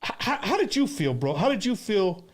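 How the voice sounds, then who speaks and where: High-pitched, animated male show host. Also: brisk. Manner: informal, mixes Spanish slang into English. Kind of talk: casual bantering interview.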